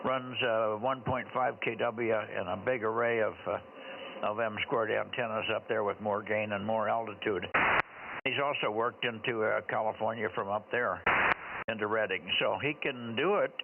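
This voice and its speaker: A gravelly, fairly low male voice with fairly even intonation and normal pace runs an amateur radio net as net controller. He talks casually and spells out call signs in radio phonetics. The audio is narrowband, very noisy two-way radio.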